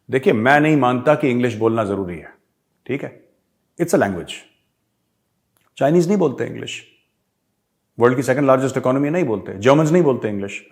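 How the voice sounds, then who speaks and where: Indian-accented man, middle-aged, show host, forceful rhetorical delivery, mid-pitched voice. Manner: forceful, rhetorical, switching between English and Hindi. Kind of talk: opinionated monologue to camera.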